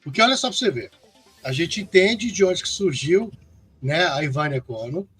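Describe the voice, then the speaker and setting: A man's voice: fairly high pitch, lively intonation, normal speed, pushed and bright, breathy edge, faint music behind. A man hosting a podcast, putting short follow-up questions to his guest in casual chat. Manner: brief interjections and follow-up questions. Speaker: podcast host.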